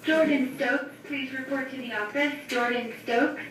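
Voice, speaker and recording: Lady on the school intercom, high voice, short formal call, boomy and far off with some hiss. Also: fairly even intonation, measured pace. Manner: formal, clipped announcement. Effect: heard over the school intercom loudspeaker. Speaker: school office staff making an announcement. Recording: echoey intercom from far off, with noise.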